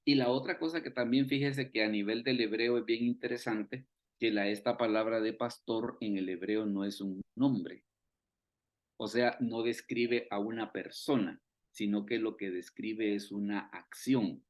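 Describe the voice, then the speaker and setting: A man's voice: fairly low pitch, steady tone, measured pace. A man teaching an online Bible study over a video call, who keeps asking rhetorical questions and repeating his phrases.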